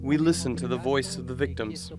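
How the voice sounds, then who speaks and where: A man reading a translated speech as a voice-over in a steady, formal manner. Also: medium pitch, brisk. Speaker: interpreter. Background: music bed.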